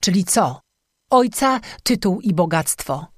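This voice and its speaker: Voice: medium pitch, big pitch swings, measured pace, no room sound, studio quality. An audiobook narrator voicing a blunt young man who asks curt, defiant questions.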